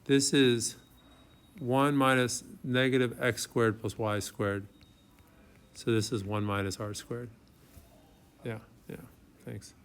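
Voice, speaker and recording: A man's voice: mid-range voice, level tone, takes it slowly, pauses often, clean tone. A man teaching a math class as a professor, thinking aloud as he writes and checking in with his students in an informal way. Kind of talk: classroom lecture, working through problems aloud.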